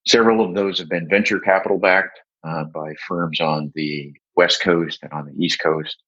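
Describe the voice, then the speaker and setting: An older man, founder of a software agency, answering podcast questions in a measured way with many "uh" pauses, on dull lo-fi audio. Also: sits low, fairly even intonation. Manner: measured, with frequent "uh" fillers.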